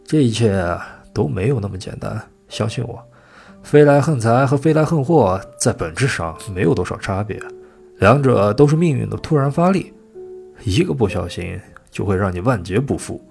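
A man reading a first-person story aloud as an audiobook narrator, in a measured storytelling manner. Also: fairly low pitch, lively intonation, creaky, a little mellow. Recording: faint music behind the voice. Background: faint music.

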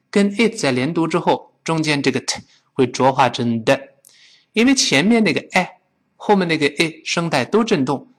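A man teaching spoken English, a native Chinese speaker who models short phrases for students to repeat. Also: a little high.

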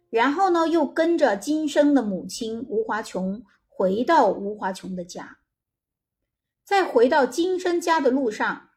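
A woman hosting and narrating a story in a gentle, conversational way, with small filler pauses. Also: fairly high pitch. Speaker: host. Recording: faint background music.

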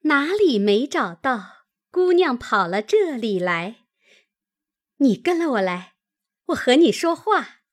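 A woman's voice: high-pitched, big pitch swings, slow, voice pushed up, heavily acted. A woman doing a wheedling, scheming sister-in-law. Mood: coaxing. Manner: coaxing and wheedling.

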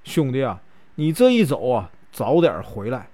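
Man voicing a humble older brother, storytelling, soft, low, meek. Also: huge pitch swings, moderate pace. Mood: tearful.

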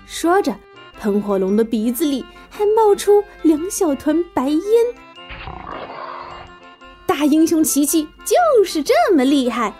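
High, lively woman reading a children's story. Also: measured pace, faint music behind. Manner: animated, expressive, playful reading. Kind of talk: children's bedtime story narration.

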